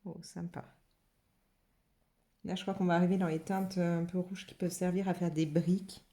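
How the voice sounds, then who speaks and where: A woman's voice: on the low side, flat delivery, normal speed, dark tone. A French woman hosting a watercolour channel, chatting casually with many fillers as she paints color swatches. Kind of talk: casual art demo narration.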